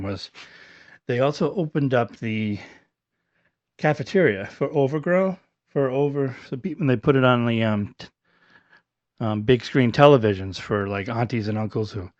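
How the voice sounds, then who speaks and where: A man co-hosting a casual podcast, joking and rambling with restarts, a little hoarse. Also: medium pitch, darkish tone, dry recording, highs cut off. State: clearing throat, losing his voice. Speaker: podcast co-host. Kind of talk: casual chat.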